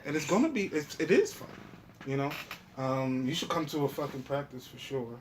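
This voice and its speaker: A podcast host chats casually, his fairly high voice moving briskly with lively intonation. His talk is slangy, informal and full of swearing, and the recording is clear with some background noise.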